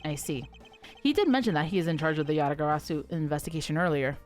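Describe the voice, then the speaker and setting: A woman voicing a stern, formal male prosecutor in a lowered voice, reading a game aloud. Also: darkish tone, soft background music, lightly acted. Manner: measured, formal.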